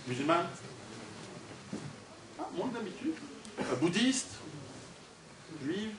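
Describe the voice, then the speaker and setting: Speaking slowly in a high, very animated voice, a man from Switzerland delivers a relaxed, joking talk as a guest lecturer and author, asking the audience questions and projecting with no microphone on him. The setting is an indoor hall, recorded from a distance by a camera or recorder, so the sound is noisy and echoey.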